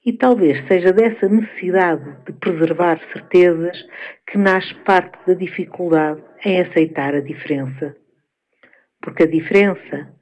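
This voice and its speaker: A woman with a European Portuguese accent, giving a measured, thoughtful spoken essay with frequent pauses. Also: lowish voice, darkish tone, highs cut off.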